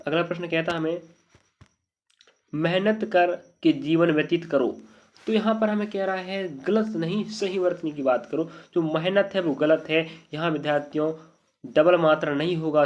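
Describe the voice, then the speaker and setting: A man with a slightly high voice teaches an exam-prep spelling lesson. He keeps asking his students whether they follow. The audio is dull and lo-fi. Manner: repeated checking questions to students.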